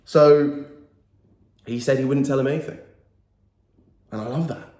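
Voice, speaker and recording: This motivational YouTuber, a man in his thirties, speaks at a measured pace in a mellow mid-range voice, audibly nasal from a cold. Earnest and emphatic, he repeats his key phrases to the camera in a recording full of room echo.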